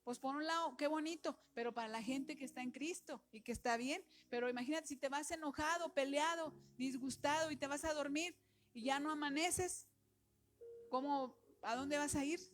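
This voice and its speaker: A woman's voice: sits high, moderate pace. A woman preaching a sermon, earnest and exhorting, rising in volume when she quotes scripture.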